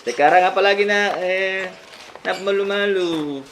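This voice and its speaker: A man's voice: high voice, measured pace, noisy background. A man teaching a young child, patient and coaxing, asking many questions. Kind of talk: one-on-one lesson with a young child.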